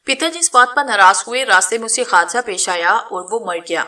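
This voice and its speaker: A woman's voice: mid-range voice, lively intonation, sharp tone, far from the mic. A woman reading the part of a proud, willful young noblewoman who speaks commandingly in a storybook reading. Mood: domineering. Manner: commanding, possessive.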